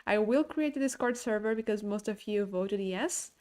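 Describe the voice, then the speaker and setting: A young woman with a sick, rough voice, streaming a game and chatting casually as she stutters through her lore theories. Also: medium pitch, moderate pace, darkish tone. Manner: stuttering, thinks aloud about game lore. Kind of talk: casual livestream commentary.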